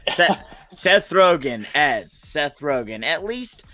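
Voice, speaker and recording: A man co-hosting a podcast in casual chat, speaking haltingly with restarts and laughs. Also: a little high, big pitch swings, bright, forceful tone. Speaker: podcast co-host.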